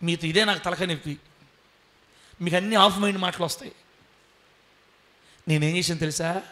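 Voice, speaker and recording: A man voicing Jesus as a patient, fatherly figure who gently scolds and reassures. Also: high-pitched, steady tone, brisk. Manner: tender, reassuring.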